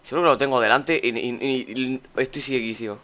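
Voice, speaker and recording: During his let's play commentary, the young Spanish gaming YouTuber talks chattily, exclaims, and mutters while searching. He speaks slightly fast in a mid-range voice with a sharp tone.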